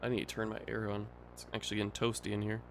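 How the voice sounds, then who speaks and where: A man's voice: on the low side, monotone, rapid-fire, slight background noise. A man casually commenting while playing a horror game, thinking aloud and puzzled at times. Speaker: gaming streamer. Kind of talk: casual let's-play commentary. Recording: game music playing loud behind.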